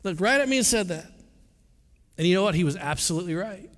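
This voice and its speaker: High-voiced male pastor in a reverberant hall. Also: lively intonation, fast talker. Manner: earnest, conversational preaching with stammered restarts. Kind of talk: sermon.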